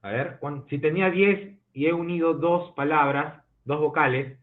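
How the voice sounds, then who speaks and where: A male literature teacher giving an online class, explaining step by step and checking understanding with quick questions. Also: on the high side. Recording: tinny phone-like audio from an online call.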